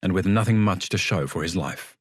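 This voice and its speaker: A man's voice: deep voice, expressive, brisk, husky, dry recording, clean studio sound. A man reading a literary story as a scripted audiobook narration.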